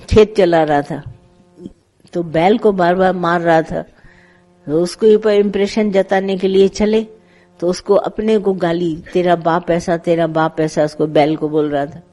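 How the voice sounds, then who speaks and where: With a fairly low, mellow voice on a poor-quality recording, a middle-aged woman guides a devotional satsang. She talks to her followers conversationally, telling parables with acted-out quotes and slipping English words into her speech.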